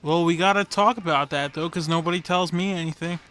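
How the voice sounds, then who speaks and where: A man's voice: a little high, a little fast, fairly bright tone. A man chatting casually as a podcast co-host on a remote call. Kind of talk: casual chat. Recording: music bleeding from computer playback.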